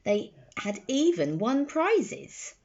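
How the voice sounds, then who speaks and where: A young adult woman with a slightly high voice reads a children's bedtime story aloud in her bedroom, phrasing it slowly, deliberately and expressively for kids. She's recorded on a phone held at arm's length, so the sound is slightly dull.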